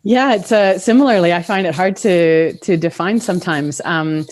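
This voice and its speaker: A woman from Canada speaks in a notably low voice, answering interview questions. She talks in quick bursts and pauses to search for her words. The recording is dry and close, as on a video call. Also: darkish tone, dry recording. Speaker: guest, conservation scientist.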